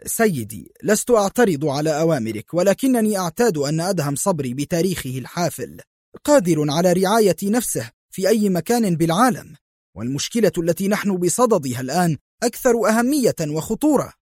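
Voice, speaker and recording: An irritated male officer objects in a raised, higher voice, as a male reader plays him. The sound is dry and close. He sounds annoyed, yet keeps a respectful tone. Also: very animated, fast talker, darkish tone, no echo.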